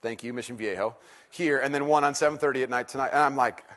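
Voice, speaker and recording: A fast-talking middle-aged pastor with a medium pitch teaches from the pulpit before his congregation. His sermon style is conversational and self-deprecating, swinging between booming excitement and intense near-whispers.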